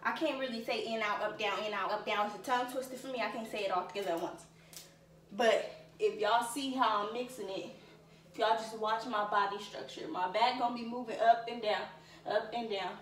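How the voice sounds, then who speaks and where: A woman's voice: fairly high pitch, fairly even intonation, fairly quick, a little hiss or hum. A young woman teaching a dance tutorial, chatty and a bit out of breath, counting moves aloud and calling her viewers y'all. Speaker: dance instructor. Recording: echoey room, distant from mic.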